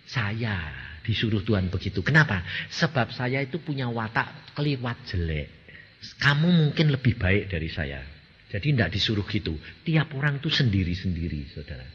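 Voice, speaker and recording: An older man with a Javanese accent preaches with animated, swooping delivery, forever tossing questions at his listeners. His voice is bright and a little husky. It comes through a dull, lo-fi recording that rings with long hall reverb. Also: medium pitch. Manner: animated, teasing, asks the congregation questions. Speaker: evangelist preacher. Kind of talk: sermon.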